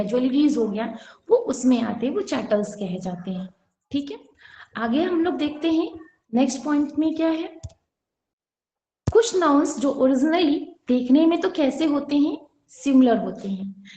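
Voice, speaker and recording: A woman's voice: sits high, mellow, echoey room, rough recording. A woman teaching English grammar in an online class, explaining in Hindi and asking rhetorical questions as she goes.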